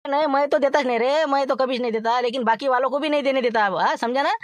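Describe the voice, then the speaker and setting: Man putting on a shrill brash dhaba owner. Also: fast talker, dry recording, studio quality. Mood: challenging. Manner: brash, threatening, boastful. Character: blustering loud middle-aged male dhaba owner.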